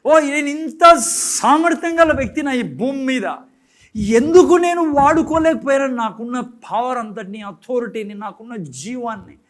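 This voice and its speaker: Regretful believer, anguished self-reproach, high male voice; pastor acts it out. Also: lively intonation, fast, few pauses, a bit bright. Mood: regretful lament. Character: grown man, regretful believer lamenting wasted power.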